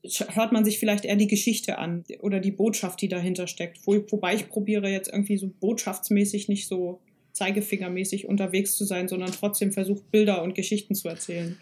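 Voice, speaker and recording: A woman talking casually as a guest musician, reflective and a little halting as she thinks aloud. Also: medium pitch, little pitch movement, warm tone. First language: German. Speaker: singer-songwriter, guest. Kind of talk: casual, reflective interview talk.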